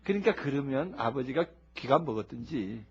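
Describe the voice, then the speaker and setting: Man, sermon, husky, animated, humorous, dull lo-fi recording. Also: medium pitch, normal speed. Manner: animated, humorous, acts out shouting worshippers. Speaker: preacher.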